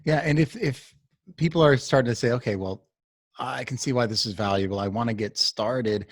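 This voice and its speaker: A man's voice: mid-range voice, moderate pace, dry recording, clean studio sound. A man hosting a podcast interview, talking conversationally and asking long, searching questions. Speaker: podcast host. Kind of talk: casual interview talk.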